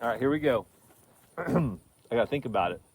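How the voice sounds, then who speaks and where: A man's voice: medium pitch, animated, brisk, crowd noise. A man chatting casually and teasing outdoors on his farm as a vlog host. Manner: folksy, teasing, drawling farm talk. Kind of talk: casual chat. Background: farm animals.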